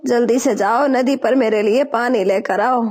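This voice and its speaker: A woman's voice: on the high side, darkish tone, close to an everyday voice. A woman voicing a spiteful, bossy old female sparrow mother-in-law who scolds. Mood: scolding.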